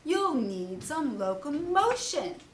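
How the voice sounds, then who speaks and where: A woman's voice: high-pitched, very animated, slow, voice pushed up, heavily acted. A woman voicing a learned, pompous male owl from a storybook, with emphatic, pronouncing delivery. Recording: roomy, distant mic, faint background noise.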